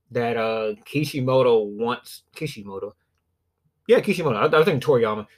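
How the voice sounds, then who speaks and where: A man from southern Alabama with a Southern US accent, hosting a podcast solo in a rambling, conversational, profanity-sprinkled way. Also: medium pitch. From southern Alabama, United States. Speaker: podcast host. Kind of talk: casual solo podcast commentary.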